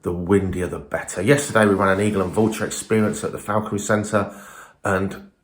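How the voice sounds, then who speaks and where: A man's voice: sits low, fairly even intonation, brisk, reverberant. A man giving an informal, emphatic and opinionated talk to camera as a falconer presenting his own video, often throwing in rhetorical questions.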